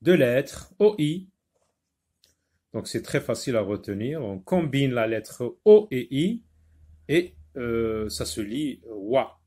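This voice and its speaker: Male schoolteacher, unhurried, patient, sounds words out syllable by syllable, mid-pitched voice. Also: big pitch swings, warm tone, husky. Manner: switches briefly into Arabic to explain. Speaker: teacher. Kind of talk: primary school phonics lesson.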